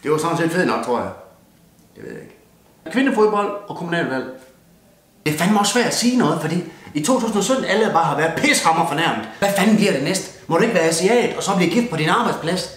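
A man's voice: a little high, expressive, roomy sound. A young man with a Jutlandic Danish accent ranting crudely and bluntly through a mock New Year's speech, cursing constantly and raising his beer. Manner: swears constantly, blunt and rowdy, toasts with a beer. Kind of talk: crude comic rant.

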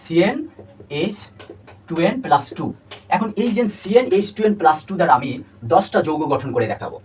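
A man teaching chemistry at a very quick pace, his voice a little higher than most. He runs through terms by repeating them again and again and keeps asking his students questions. The mic sits away from him, with faint noise behind. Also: sing-song, recorded from a distance, low-quality recording. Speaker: chemistry tutor. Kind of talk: classroom lecture.

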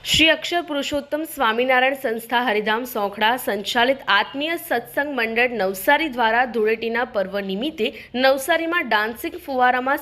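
A woman with a Gujarati accent reading a regional news bulletin in a formal, even newsreader style. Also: on the high side. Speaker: news reader.

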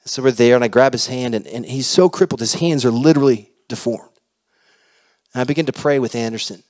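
A male pastor preaching a sermon, telling stories in an animated way that swings between loud and hushed. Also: medium pitch, brisk. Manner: animated, shifting loud and soft. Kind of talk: storytelling sermon.

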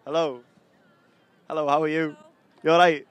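A man's voice: a little high, level tone, highs cut off. A cheerful young man, interviewing passers-by outdoors with a handheld mic. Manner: cheery, quick questions, laughs often. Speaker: street interviewer. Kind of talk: vox pop street interviews. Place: outdoor plaza by an arena, busy street.

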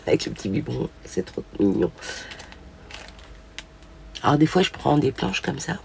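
An older woman with a hoarse voice, chatting through a craft haul and gushing over each find with many fillers. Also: extremely low pitch, darkish tone, a little hiss or hum. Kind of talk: casual show-and-tell haul.

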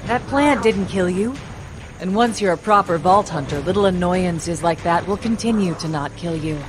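A woman's voice: lowish voice, moderate pace, noisy background, lightly acted. An actress playing a confident, tough woman mentor in a video game, cool and matter-of-fact. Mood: cool, instructing.

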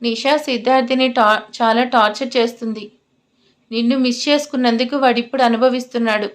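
Woman reading as a caring young man, gentle, pleading, slightly high voice, storybook drama. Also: fairly even intonation, a little fast, lightly acted. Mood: earnest.

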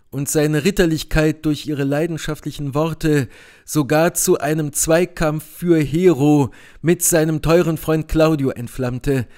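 A man narrating a retold classic play as an audiobook, in measured storytelling that drops low on the speech tags. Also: darkish tone, clean tone. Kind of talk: scripted narration.

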